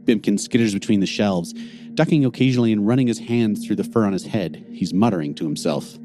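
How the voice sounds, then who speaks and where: A man narrating a tabletop game as game master, a deliberate storyteller. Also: on the low side, over music.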